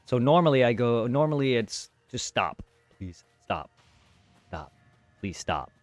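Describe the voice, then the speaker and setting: This live streamer has a medium-pitched, normally very quiet voice, yet he sounds very animated while staying unhurried. Talking unscripted to chat, he is blunt, repeats himself, and swears at times, with no room sound and faint music behind him.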